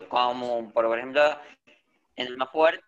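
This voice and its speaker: A man's voice: mid-range voice, a little slow, fairly bright tone. Man on a crackling, cutting-out call line. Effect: choppy, crackling, cutting-out connection. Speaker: audience member asking a question. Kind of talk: question on a video call. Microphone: video call. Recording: dull lo-fi video call audio.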